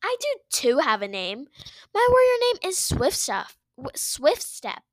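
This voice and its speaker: A woman's voice: high voice, huge pitch swings, measured pace, no echo, exaggerated voice, rough recording. Woman as young male cat apprentice, indignant, dry recording. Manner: indignant, trips over his own name.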